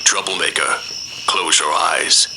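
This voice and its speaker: A man playing a game app narrator who gives deliberate, commanding, dramatic instructions to night-time roles. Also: rumbling low, noisy background. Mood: commanding, solemn. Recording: loud background night ambience with crickets. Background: night ambience, crickets.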